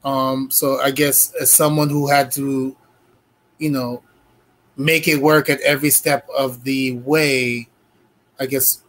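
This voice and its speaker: A man's voice: mid-range voice, flat delivery, takes it slowly, a bit bright, rough recording. A man in his forties, a curator hosting a video-call interview, asking long, rambling questions in a friendly way. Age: 40s. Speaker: curator host.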